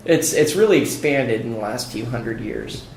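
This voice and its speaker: A man's voice: mid-range voice, expressive, moderate pace, darkish tone. A young man co-hosting a gaming podcast, joking and calling out what he sees in the game as he plays. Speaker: podcast co-host playing a video game. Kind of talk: casual gaming commentary. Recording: echoey room with faint noise.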